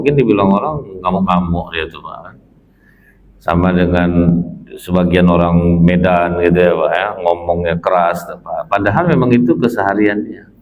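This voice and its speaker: Deep-voiced preacher man, folksy sermon. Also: slight background noise. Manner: folksy, addresses the congregation as Pak and Bu constantly. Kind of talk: mosque sermon. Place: mosque. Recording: slightly dull lo-fi recording.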